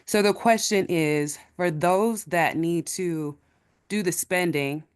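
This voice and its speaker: Out-of-breath woman, low smooth voice, earnest webinar question. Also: slow. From Chicago. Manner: earnest, explains at length with many ums. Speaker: audience member asking a question.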